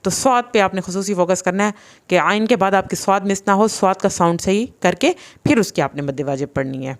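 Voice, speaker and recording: Clear-voiced woman teaching Quran recitation. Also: medium pitch. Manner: patient, explanatory, drawing out letter sounds slowly. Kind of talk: tajweed lesson.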